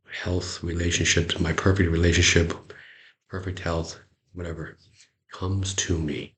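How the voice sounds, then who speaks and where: A man giving a motivational talk, earnest, repeating phrases with pauses. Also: sits low. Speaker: motivational speaker.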